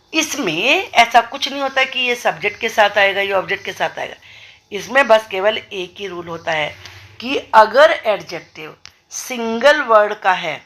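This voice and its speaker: Indian woman teaching grammar, really slow and deliberate, bright voice, lots of examples. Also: mid-range voice. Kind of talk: grammar lesson explained in Hindi.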